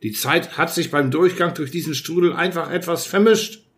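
An impatient male space traveler, pressing and exasperated, his voice pushed noticeably higher, as a man puts him on. He talks insistently, hurrying to win an argument in this audiobook reading. The tone stays fairly even in loudness. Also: normal speed, natural voice. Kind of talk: audiobook character voice.

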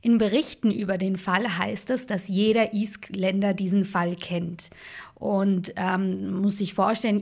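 A woman co-hosts a true crime podcast, relating the case in a relaxed, conversational style full of fillers and asides. Her voice sits at a medium pitch with a creaky quality.

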